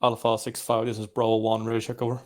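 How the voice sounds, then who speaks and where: A man calls in radio checks in a clipped military style, his voice coming through distant over in-game radio comms. He rattles off the call signs quickly in an almost toneless, level delivery. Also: medium pitch, monotone. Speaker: player calling in a radio check.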